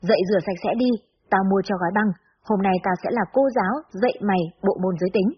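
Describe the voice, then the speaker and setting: A woman's voice: mid-range voice, steady tone, fast talker, muffled recording, a little hiss or hum, close to an everyday voice. A woman voicing a blunt, bossy teenage girl friend who scolds brashly in a storybook reading. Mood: scolding.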